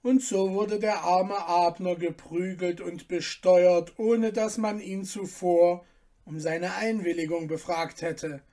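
Slow, measured woman narrator. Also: lowish voice, steady tone, dark tone. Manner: measured, unhurried. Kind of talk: audiobook reading.

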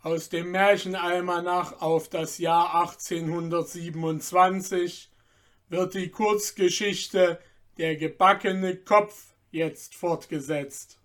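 A man reading a fairy tale aloud in a measured, deliberate narration. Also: sits high. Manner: deliberate, calm.

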